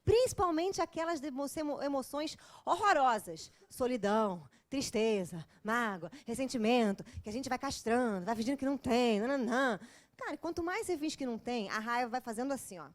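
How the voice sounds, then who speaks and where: A woman with a Brazilian Portuguese accent delivers a spiritual lecture full of humor, her voice sitting on the high side. She tells her points as jokey little stories and lurches from loud bursts down to hushed asides. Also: brisk. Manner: animated, jokey storytelling with sudden swings from loud to hushed.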